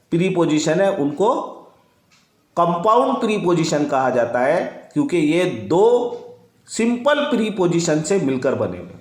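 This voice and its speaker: Guy teaching english grammar real slow, lots of fillers, kinda roomy sound. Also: high voice. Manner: slow, repetitive explaining with many fillers. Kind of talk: grammar lesson.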